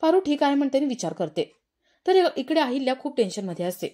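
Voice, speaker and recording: A woman narrating a television serial recap in a plain, steady storytelling way. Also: sits high, quick pace. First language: Marathi.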